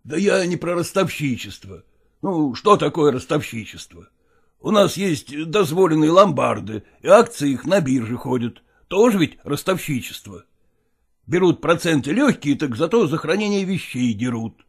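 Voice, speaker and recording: A man playing a pragmatic older merchant father who coaxes his daughter in a dramatized reading, with a husky, gravelly voice and folksy persuasion. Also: a little high, sing-song, normal speed, exaggerated voice. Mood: coaxing.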